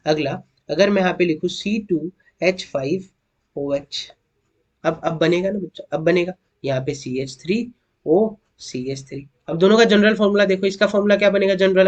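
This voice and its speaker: A young man teaching chemistry in an online lecture, coaxing his students with questions and slowing down to spell out each formula. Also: on the high side, darkish tone. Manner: coaxing students with questions, calls them beta. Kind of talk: online lecture, explaining at a board.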